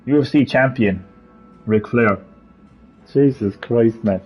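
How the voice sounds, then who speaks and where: Taking his time in a mid-range voice, an Irish host with a Cork accent runs a laid-back live stream full of jokes, rants and profanity. Soft music plays in the background, and the audio is slightly muffled.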